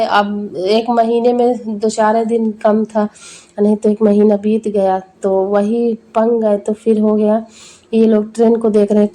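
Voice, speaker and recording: A young woman narrates her family vlog, talking slowly and pausing to find her words. She sounds a little short of breath, and her voice stays flat and mellow the whole way. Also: medium pitch. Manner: slow, halting, searching for words. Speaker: family vlogger. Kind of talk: casual voice-over narration.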